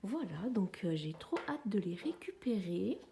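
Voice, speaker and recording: Woman, 40s, mellow casual vlog chat at home, tripod camera mic. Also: medium pitch, very animated, a little slow, creaky, slight background noise. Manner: chatty, friendly, addresses viewers as friends. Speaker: vlogger. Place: at home, sitting on the floor. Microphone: camera on a tripod, mic on the far side.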